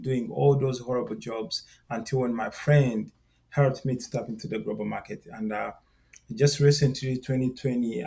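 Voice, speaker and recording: This middle-aged Ugandan man has a medium-pitched, dark voice. Acting as a course instructor, he speaks earnestly and directly to the camera, often repeating himself.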